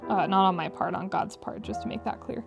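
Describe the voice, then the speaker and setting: A woman with a creaky vocal fry, chatting casually and wryly as she narrates a digital art tutorial. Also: mid-range voice, fairly quick. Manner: chatty, wry asides with frequent "like". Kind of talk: casual rambling tutorial commentary. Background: piano music.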